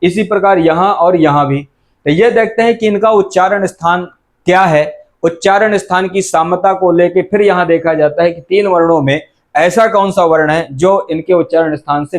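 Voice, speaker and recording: A middle-aged man teaching Sanskrit grammar, asking questions and answering them himself and repeating the key terms. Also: high-pitched. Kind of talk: explanatory lecture.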